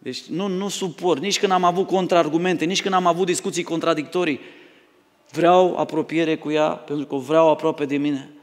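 Brief: male pastor, high pitch, dramatic sermon delivery from loud to hushed, echoing church hall. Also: steady tone. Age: adult, married. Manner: dramatic storytelling, swings from loud calls to hushed tones.

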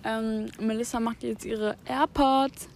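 A young woman chatting casually with a friend in an unhurried, slangy, matter-of-fact way. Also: a little high, steady tone, vocal fry, a little mellow, a little hiss or hum. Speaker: podcast co-host. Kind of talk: casual chat among friends.

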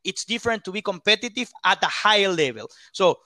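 High, bright-voiced man. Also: expressive, no echo. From Ecuador. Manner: halting, searches for English words. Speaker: football pundit guest. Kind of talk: interview.

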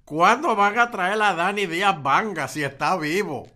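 A man's voice: high voice, moderate pace, sharp tone. A man with a Puerto Rican accent, co-hosting a podcast, reading viewer messages aloud and laughing often. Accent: Puerto Rican Spanish. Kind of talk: casual chat.

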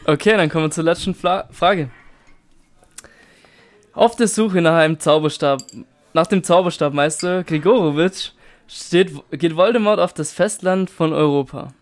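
Male quiz master, dry and matter-of-fact, voice a bit higher than usual. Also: moderate pace. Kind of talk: reading quiz questions.

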